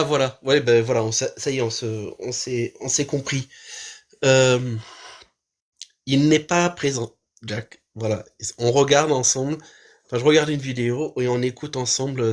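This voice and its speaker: Hesitant French streamer man. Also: medium pitch. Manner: hesitant, full of fillers and restarts. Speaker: live streamer. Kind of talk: casual reaction commentary.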